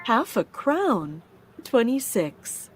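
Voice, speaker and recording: A woman calling bingo numbers with their rhyming calls, slow and measured. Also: fairly high pitch, very animated. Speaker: bingo caller. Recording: loud music playing underneath.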